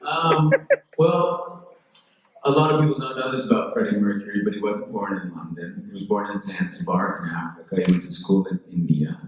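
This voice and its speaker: A man with a very low voice shares anecdotes in a lively, amused way. Every word rings in a very reverberant hall. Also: moderate pace. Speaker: actor on a panel. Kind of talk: conversational Q&A answers. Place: large echoey school hall. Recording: very echoey hall.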